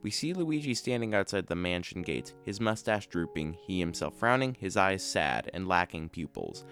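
Low-voiced man reading scripted game trivia. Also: big pitch swings, moderate pace, fairly bright tone, soft background music. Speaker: podcast host. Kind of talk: scripted explainer narration.

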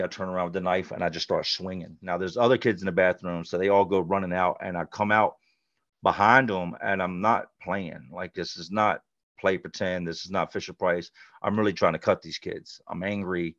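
Deep, gravelly middle-aged man, candid. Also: fairly even intonation, moderate pace, fairly bright tone, no echo. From North Carolina, USA. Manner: blunt, conversational, frequent "like" and "you know". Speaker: podcast guest. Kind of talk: candid personal storytelling. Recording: dull, lo-fi dry sound.

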